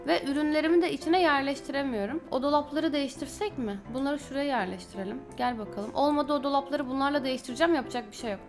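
Woman vlogger, high-pitched, casual chatty gameplay talk, music bed behind. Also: fast talker, hardly any pauses. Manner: chatty, talks to viewers while building. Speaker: gaming YouTuber. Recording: background music under voice.

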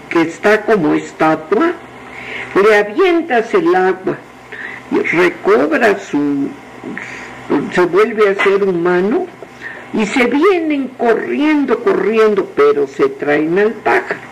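A man's voice: high voice, very animated, takes it slowly, gravelly, a little hiss or hum, heavily acted, rough recording. A man voicing a worried, firm woodcutter father giving instructions. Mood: instructing.

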